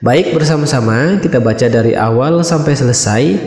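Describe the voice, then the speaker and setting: A man hosting a recitation lesson, explaining the steps calmly and clearly. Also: medium pitch, moderate pace. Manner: calm, step-by-step explaining. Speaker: channel host and recitation teacher. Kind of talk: instructional explanation. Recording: echoey room with long reverb.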